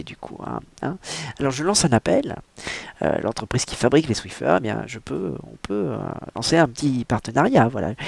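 Rambling, gravelly-voiced male host. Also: mid-range voice, no room sound. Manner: hesitant, self-mocking, many fillers and restarts. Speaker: show host reading a book aloud. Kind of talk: rambling comic monologue.

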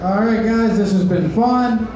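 A man's voice: high voice, a little slow. A man hosting a comedy show, wrapping up the night with loose, casual patter. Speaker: show host. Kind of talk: emceeing. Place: comedy club. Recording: echoey club room, loud crowd.

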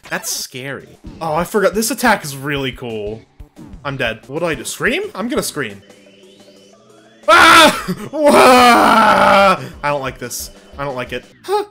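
A man streaming a game, joking, swearing and reacting loudly with laughs and yelps. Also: mid-range voice. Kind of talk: casual gameplay commentary. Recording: game music behind the voice.

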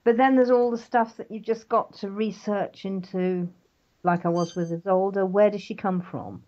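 Over dull, lo-fi internet radio audio, an older author from England chats animatedly as a guest in a casual interview, frequently laughing. She has a mellow, mid-range voice with a steady tone and moderate pace.

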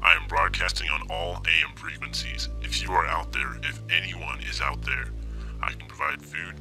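A man playing a mysterious unknown radio broadcaster who pleads for survivors to answer. His voice runs through a deep pitch-shifting voice changer. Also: gravelly, pushed and bright, faint music behind, full character voice. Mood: pleading. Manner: slow, pleading radio appeal.

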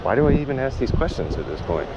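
Recorded on a chest-mounted action camera, a magnet fishing vlogger talks casually to viewers and to himself while he works outdoors on concrete by the water under a road bridge. His mid-range voice swings widely in pitch at a quick pace. The audio is noisy with outdoor ambience and cut-off highs.

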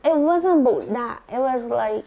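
A young Barbadian woman with a Barbadian accent speaks a little slowly in a high-ish, creaky voice, the audio dull. As the guest at a live artist talk in a small gallery, she holds a handheld mic and tells stories in an animated, expressive way.

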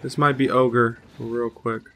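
A slightly hoarse young man giving excitable, trash-talking live commentary over his own gameplay as a gaming channel host. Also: medium pitch, unhurried. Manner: excitable trash talk, cursing. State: slightly hoarse, a little sick.

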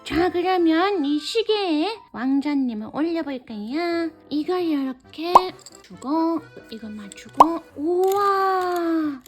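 Super high little-kid sounding lady doing a sing-song kids toy show, music behind her. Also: animated, takes it slowly, few pauses. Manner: exaggerated sing-song address to children. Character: cute childlike cartoon-cat host persona for kids. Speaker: children's toy and snack show host. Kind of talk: kids' toy show presentation, bright exclamations.

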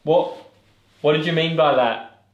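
A paranormal investigator in his thirties, fairly high-pitched and a little slow, keeps demanding answers from unseen spirits and talks to camera. The lo-fi sound captures an echoey bare basement at night.

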